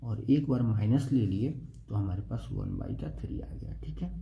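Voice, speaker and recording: A young adult man with a lowish, mellow voice and vocal fry teaches math at a moderate pace, going step by step. He keeps asking the class "okay?" in an echoey room where faint noise can be heard.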